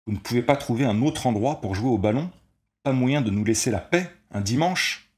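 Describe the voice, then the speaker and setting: A man's voice: mid-range voice, animated, normal speed, a little mellow, pitched above the performer's own voice, close to an everyday voice. A man voicing a nervous male painter who calls down from his window to complain. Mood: exasperated. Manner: calling out from a window.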